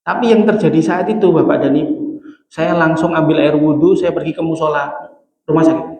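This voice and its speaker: A man's voice: on the high side, brisk. A middle-aged man giving a conversational sermon, telling stories and acting out dialogue with chuckles. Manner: animated, acts out dialogue, chuckles at own jokes. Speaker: Islamic preacher. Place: large mosque hall. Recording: echoey mosque hall with long reverb.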